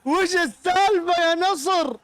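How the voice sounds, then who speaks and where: A young Saudi man with a Gulf Arabic accent, reacting loudly to a football match as a streamer, shouting and teasing rival fans. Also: very high-pitched, moderate pace, no echo. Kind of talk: excited live match reaction.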